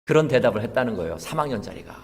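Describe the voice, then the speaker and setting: A man's voice: medium pitch, lively intonation, moderate pace. A man preaching in a reverberant church. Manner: storytelling, emphatic build-ups. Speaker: pastor. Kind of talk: sermon. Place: church sanctuary. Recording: long church hall reverb.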